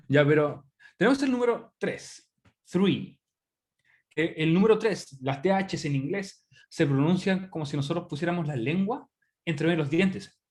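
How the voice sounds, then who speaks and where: A man from Chile leads an English lesson online in Spanish, chatty and regularly checking in with students by asking questions. He sounds on the high side and a little mellow, with lively intonation and a moderate pace, captured by a computer mic on a video call.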